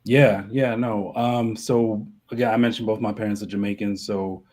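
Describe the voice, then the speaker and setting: A man from Connecticut talks through his story as an interview guest, relaxed and easygoing. His voice sits very low and sounds dark and mellow. He is heard over a video call. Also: moderate pace. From Connecticut, USA. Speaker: guest, brewer. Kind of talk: casual interview.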